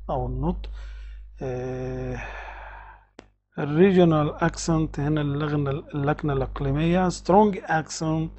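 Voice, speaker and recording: Egyptian man teaching vocabulary, slightly high. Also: warm tone. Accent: Egyptian Arabic. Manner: reads English words slowly, glosses them quickly. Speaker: English teacher. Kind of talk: vocabulary lesson, explaining in Arabic.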